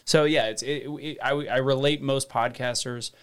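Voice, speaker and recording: A man's voice: mid-range voice, fairly even intonation, moderate pace, smooth. A man guesting on a podcast, talking bluntly and opinionatedly, swearing freely in casual conversation. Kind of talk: casual chat.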